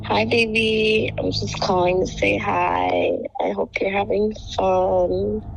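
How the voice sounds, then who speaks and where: A woman leaving a soft, affectionate voicemail, heard over a landline phone. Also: medium pitch, expressive, slow pace, gravelly, slight background noise. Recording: dull phone line with music behind.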